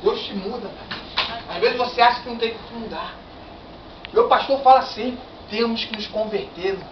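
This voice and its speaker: A middle-aged man giving a fervent lay sermon in a workplace meeting room, animated and pacing, shouting at the peaks, filmed by a far-off camera. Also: extremely high pitch, moderate pace. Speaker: lay preacher. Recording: echoey, distant, dull lo-fi with noise.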